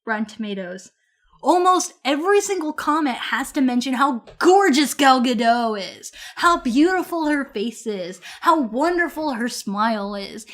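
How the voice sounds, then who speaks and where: High-voiced, giggly tipsy woman arguing bluntly. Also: fairly bright tone. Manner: blunt, sweary, argumentative. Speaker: podcast co-host. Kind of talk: heated casual debate.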